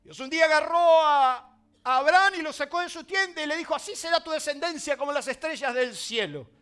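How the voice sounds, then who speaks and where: Argentine male pastor, high bright voice, dramatic sermon delivery with soft music beneath. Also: fairly quick. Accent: Argentine Spanish. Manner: dramatic, swings from loud emphasis to quiet asides.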